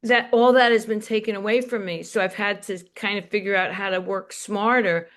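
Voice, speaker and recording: A woman's voice: mid-range voice, fairly even intonation, normal speed, a bit bright. An older woman comedian in a candid interview, telling rambling anecdotes about her career and laughing as she goes. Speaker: comedian guest.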